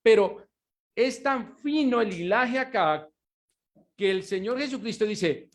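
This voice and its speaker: A man's voice: sits high, lively intonation. A male pastor giving a sermon, stressing key words and asking his congregation rhetorical questions for them to finish. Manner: emphatic preaching with slowed, stressed words.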